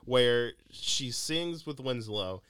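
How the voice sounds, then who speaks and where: A man's voice: mid-range voice, expressive, slow, fairly bright tone, clear, resonant tone, no echo, studio quality. A man co-hosting a podcast, rambling casually about a film with lots of fillers and laughs. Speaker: podcast co-host. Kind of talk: casual movie chat.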